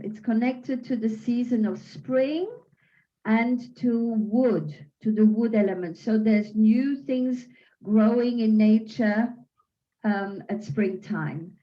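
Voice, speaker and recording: Gentle, slow-spoken woman guiding breathing. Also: fairly high pitch, highs cut off. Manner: gentle, soothing, unhurried. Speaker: qi gong teacher. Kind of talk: guided breathing session. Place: home.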